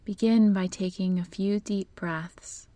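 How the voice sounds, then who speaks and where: A woman leading a guided meditation in a slow, soft voice that often drops into a whisper. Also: mid-range voice, steady tone, no room sound.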